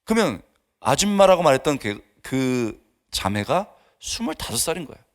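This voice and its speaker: A man's voice: fairly high pitch, sing-song, normal speed. A middle-aged male pastor preaching a sermon, telling a story with acted-out dialogue and sudden drops to a whisper. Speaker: pastor and seminary professor. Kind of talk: dawn service sermon.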